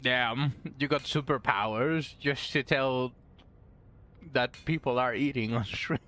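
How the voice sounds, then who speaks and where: Bright, unhurried young man streamer. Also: mid-range voice. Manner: laughs often, talks while eating. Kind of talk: casual live-stream chat with viewers.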